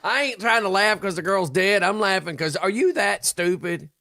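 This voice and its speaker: A man's voice: sits high, normal speed, pushed and bright, no room sound, studio quality. A man hosting a morning radio show in casual banter, cracking crude, mocking jokes and laughing often.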